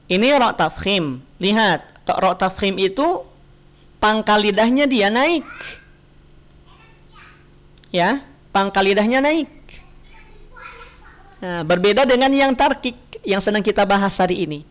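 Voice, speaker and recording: Slow, patient woman tutoring Quran reading. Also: medium pitch, lively intonation. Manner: patient, asks students questions and models pronunciation. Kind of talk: online Quran reading class.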